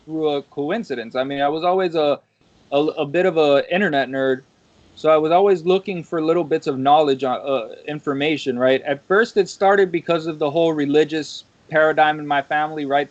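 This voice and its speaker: A man in his twenties talks in a loose, rambling way, often tagging his points with a quick question and swearing casually. His voice sits a bit high for a man. The recording is dry with no room sound and a muffled, lo-fi tone. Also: no echo. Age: 20s. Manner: rambling, with frequent "right?" tags and casual swearing. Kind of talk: casual podcast conversation. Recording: dull, dry lo-fi audio.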